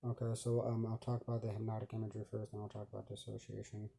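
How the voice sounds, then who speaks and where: A man talks into his camera in a rambling vlog and keeps stumbling over words. His voice is very dark and mellow. He keeps his pitch flat and fills every gap with ums. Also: creaky. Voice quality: halting speech with many stumbles and restarts. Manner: rambling, heavy filler words. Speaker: vlogger. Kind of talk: casual self-recorded monologue.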